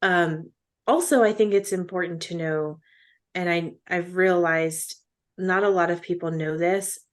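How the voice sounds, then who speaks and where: A woman's voice: lowish voice, fairly even intonation, measured pace. A woman co-hosting a casual chat podcast, chatty with fillers and frequent laughs. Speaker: podcast co-host.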